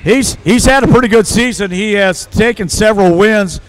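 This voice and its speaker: A man's voice: high-pitched, normal speed, rough recording. A man working as a tractor pull announcer, giving live commentary on drivers and standings.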